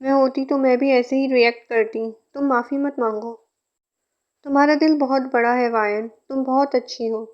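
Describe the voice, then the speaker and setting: Overwhelmed young mother in a fanfic reading, read by a woman; high, strained, lo-fi. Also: fairly even intonation, normal speed, close to an everyday voice. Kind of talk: fan fiction reading. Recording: muffled lo-fi recording.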